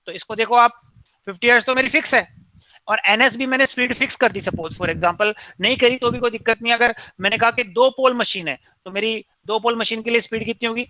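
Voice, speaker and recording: A man's voice: very high voice, brisk, pushed and bright, no echo, low-quality recording. A man giving a classroom engineering lecture, posing questions to students and answering them himself, mixing in English technical terms.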